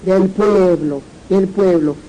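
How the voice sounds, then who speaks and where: A woman's voice: fairly low pitch, takes it slowly, mellow, slight background noise, low-quality recording. A woman pastor with a Peruvian Spanish accent, preaching a sermon, reading verses aloud and asking the congregation questions.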